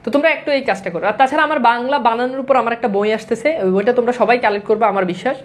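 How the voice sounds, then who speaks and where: This grammar teacher from Bangladesh speaks quickly and fairly high as she lectures exam students classroom-style. She goes over each mistake and its correction again and again like a drill, mixing in the odd English word.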